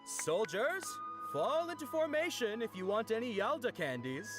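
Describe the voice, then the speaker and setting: A man's voice: high-pitched, very animated, normal speed. An actor playing a jolly male festival performer who calls out to the crowd like an announcer. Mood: hearty. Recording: game audio with music behind.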